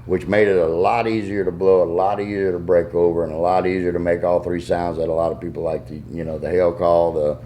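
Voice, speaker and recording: Southern guy with a low voice walking thru a hands-on how-to, folksy, bit of background noise. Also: little pitch movement, fairly quick, few pauses, mellow. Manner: folksy, explaining step by step. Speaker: goose call maker giving a tuning demonstration. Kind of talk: casual hands-on tutorial.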